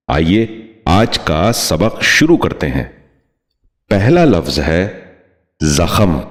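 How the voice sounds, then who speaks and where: A man giving a scripted pronunciation lesson, speaking slowly and formally and repeating each word with care. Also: low-pitched. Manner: formal courteous address. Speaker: Urdu pronunciation teacher.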